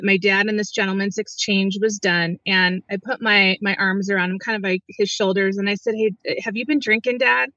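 A middle-aged woman speaks earnestly and haltingly, pausing and restarting as she recounts something painful. Her voice sits at an ordinary pitch, recorded dry and close with a slightly dull, muffled tone. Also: a bit bright, no echo. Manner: earnest, hesitant, many restarts and fillers. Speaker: guest. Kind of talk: personal story in an interview.

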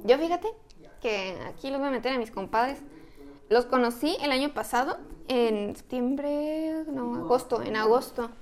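A woman's voice: high-pitched, measured pace. A woman with a Mexican accent, co-hosting a podcast and telling stories in a chatty, slangy way. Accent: Mexican Spanish. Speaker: podcast co-host. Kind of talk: casual chat.

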